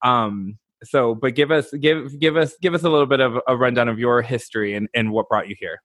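Brief: man, talk-show host, gushing and laughing, medium pitch, dry close sound. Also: brisk, fairly bright tone, no room sound. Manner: effusive, laughs often. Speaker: podcast host. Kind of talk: casual interview chat.

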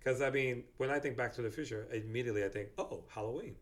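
A man's voice: medium pitch, fast talker. A man co-hosting a casual podcast, rambling with fillers and laughing often. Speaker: podcast co-host.

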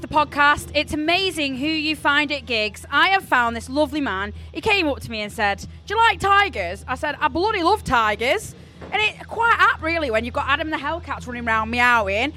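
A woman's voice: sits high, sharp tone. A woman with a Stoke-on-Trent accent interviewing someone in a chatty, effusive way as a podcast host. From Stoke-on-Trent, England. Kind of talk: casual interview chat.

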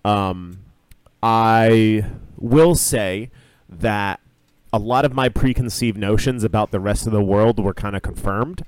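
Laid-back man with a smooth low voice. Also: slow, darkish tone. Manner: laid-back, rambling with fillers. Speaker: podcast co-host. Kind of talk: casual chat.

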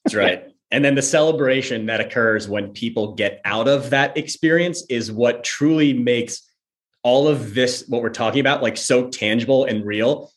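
Mid-pitched man reflecting casually. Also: moderate pace. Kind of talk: casual chat.

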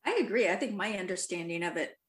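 A woman co-hosting a casual chat, earnest and reflective, thinking out loud. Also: lowish voice, expressive, fast. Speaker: podcast co-host.

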